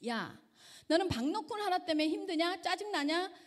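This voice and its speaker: God speaks as a stern, fatherly male figure who chides with pointed rhetorical questions, as a woman preacher puts him on. The voice stays high and lively. It is a short sermon sketch, not a deep rumbling portrayal. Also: moderate pace. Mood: chiding.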